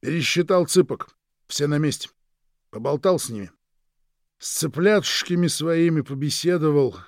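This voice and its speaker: A man voicing a reckless, excitable French drunk who shouts and blusters in a storybook reading. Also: a little high, moderate pace, no room sound, studio quality, pitched above the performer's own voice, lightly acted. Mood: wistful.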